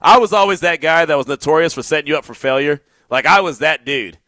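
A man's voice: fairly high pitch, expressive, quick pace, pushed and bright, no echo, clean studio sound. A man hosting a sports radio show, telling laid-back stories and laughing often. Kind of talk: casual storytelling on sports radio.

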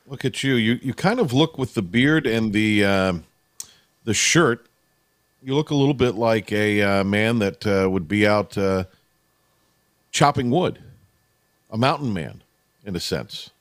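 A man's voice: on the low side, animated, measured pace, long pauses, dry recording, clean studio sound. A man hosting an unscripted sports talk show, meandering along with many long hesitations. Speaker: sports radio host. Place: radio studio.

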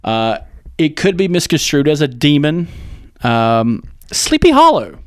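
A man's voice: on the high side, measured pace, clean tone, dry recording, studio quality. Brief: profane joking male podcast host. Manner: profane, joking, laughs often. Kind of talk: casual movie chat.

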